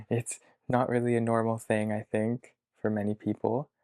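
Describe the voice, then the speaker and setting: A man of about twenty talking to his future self in a video diary from his childhood bedroom, hesitant and reflective, pausing to think aloud. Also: medium pitch, little pitch movement, darkish tone. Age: around 20. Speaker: vlogger.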